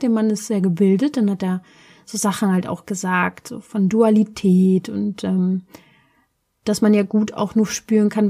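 A woman's voice: medium pitch, a little mellow. Woman from Berlin telling a story. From Berlin, Germany. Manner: reflective, searching for words. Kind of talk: casual personal storytelling.

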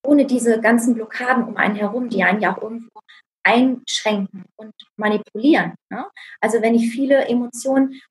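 A woman's voice: fairly high pitch, a little fast, poor audio. A woman talking in an interview about her healing practice, explaining eagerly, with many fillers and tag questions. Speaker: energy healing practitioner, guest. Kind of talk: conversational interview.

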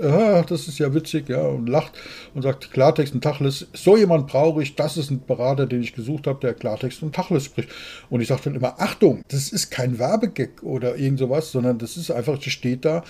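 A business consultant who co-hosts a podcast talks casually in a husky, mid-range voice. He is blunt and outspoken, telling stories with a lot of animation.

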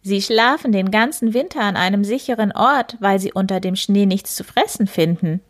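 Woman doing a croaking, know-it-all crow. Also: mid-range voice, moderate pace, lightly acted. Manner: croaking, matter-of-fact.

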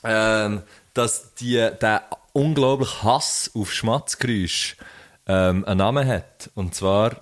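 A man's voice: fairly low pitch, slow pace. A young man with a Swiss German accent co-hosting a podcast in casual chat, loose and jokey, swearing freely and trailing off mid-sentence. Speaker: podcast co-host.

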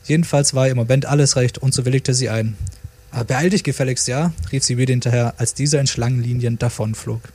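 Husky man casually reading his own story. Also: medium pitch, flat delivery, fast, hardly any pauses, dark tone. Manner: chuckles and stumbles, restarts lines.

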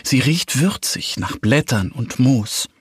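Slow, lively man reading a children's story. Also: medium pitch, husky, dry recording, studio quality.

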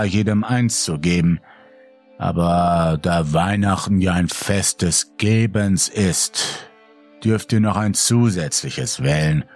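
A man doing a sneering, husky home intruder. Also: low-pitched, a little mellow, exaggerated voice. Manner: taunting, slow and sneering. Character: sinister male intruder, mocking and cruel.

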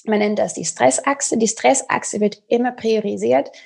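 Woman with German, gravelly and husky. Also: a little high, fairly even intonation, darkish tone. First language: not German; speaks German as a second language. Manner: halting, searching for words, with non-native grammar. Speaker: health coach as podcast guest. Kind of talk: conversational explaining on a podcast.

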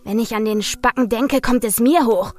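Woman reads a brash hulking bully: loud, taunting, pitched up. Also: moderate pace, faint music behind, lightly acted. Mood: mocking. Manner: bellowing, mocking. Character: boorish loud hulking young man, bully.

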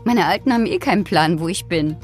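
A woman's voice: lowish voice, fast, soft background music, lightly acted. A woman voicing her careless, cocky sixteen-year-old self in a dismissive tone. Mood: flippant. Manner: flippant, dismissive.

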